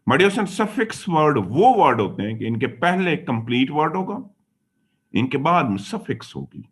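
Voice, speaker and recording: A man's voice: fairly high pitch, very animated, normal speed. A man teaching English grammar in a classroom lecture, explaining patiently and repeating his points as he addresses his students. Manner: mixes Hindi and English mid-sentence.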